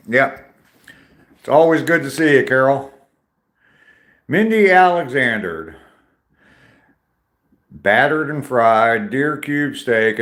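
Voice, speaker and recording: A man in his sixties with a medium-pitched, fairly bright voice talks into his phone as he walks outside. On his live stream, he reads viewer comments and answers them in a casual, easygoing manner with dry humor.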